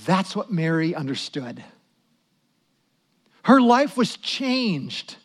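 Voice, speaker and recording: A male pastor delivers a sermon in a high-pitched voice. He speaks slowly and deliberately. His delivery swings from loud emphasis to quiet, prayerful asides. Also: very animated.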